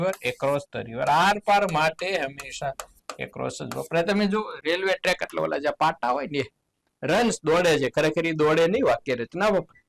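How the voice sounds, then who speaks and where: A man with a Gujarati accent teaching an exam solution lesson, explaining words slowly, spelling out letters and tossing in playful asides. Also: vocal fry, poor audio. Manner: lively, jumps in pitch on key words. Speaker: English teacher.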